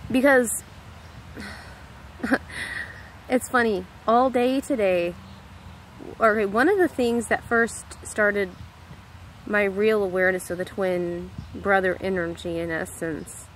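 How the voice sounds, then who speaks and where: A spiritual vlogger, an American woman in her thirties, speaks to camera slowly and pauses often, her casual monologue drifting into tangents and self-corrections. Her pitch is medium, and the low-quality recording has slight background noise.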